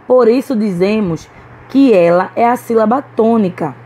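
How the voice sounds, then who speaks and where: A woman's voice: a little high, moderate pace, warm tone, slightly rough, rough recording. A woman teacher with a Brazilian Portuguese accent giving a recorded lesson to young children, patiently sounding out words syllable by syllable. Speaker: primary school teacher. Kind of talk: recorded online class.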